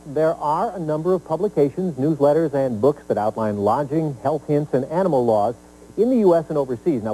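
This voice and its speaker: A man's voice: a little high, mellow, rough recording. A man with an American accent presenting a scripted travel program as host. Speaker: travel news show host.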